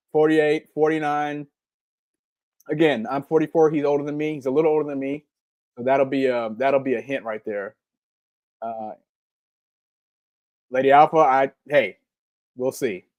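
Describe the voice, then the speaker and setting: A man in his forties with a Southern US accent talks casually on a live podcast, drifting along with plenty of ums. His voice sits a touch high for a man. The sound is dry and close, with no room echo. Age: 40s. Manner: relaxed, rambling, chatty with filler ums. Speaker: podcast co-host. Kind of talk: casual live-stream chat.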